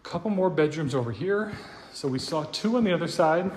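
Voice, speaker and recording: Animated and a little fast, with a voice on the high side, a man tours a large empty house for sale as its real estate agent, casually and upbeat pointing out features while walking. Echo fills the empty rooms, along with faint room noise.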